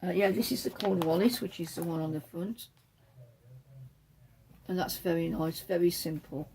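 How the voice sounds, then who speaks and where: Gravelly-voiced chatty woman knitting host. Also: fairly low pitch, normal speed, darkish tone, a little hiss or hum. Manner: chatty and rambling, trailing off and correcting herself. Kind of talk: casual chat showing knitting patterns from a book.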